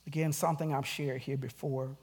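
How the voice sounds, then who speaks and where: A man's voice: mid-range voice, little pitch movement, brisk, a little mellow, slightly rough, long reverb tail. A man preaching an earnest sermon as pastor, rising to urgent calls.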